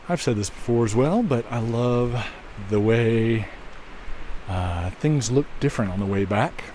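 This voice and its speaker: A man walking a snowy trail outdoors and chatting casually to his viewers, relaxed and musing, with a mic on the camera. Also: medium pitch, a little slow. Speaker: walking video host. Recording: outdoor recording with stream noise.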